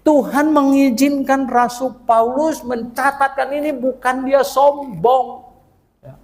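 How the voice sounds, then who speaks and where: An older man preaching a sermon as pastor. He moves between loud exclamations and quiet asides, tells humorous stories and asks the congregation questions. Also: slow pace. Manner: animated, swings from loud exclamations to low asides. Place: church hall. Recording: church hall with long reverb.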